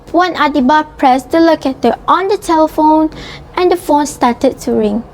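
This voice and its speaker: A woman reading a scripted children's story, phrasing each sentence deliberately and carefully. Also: sits high, darkish tone. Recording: faint background noise.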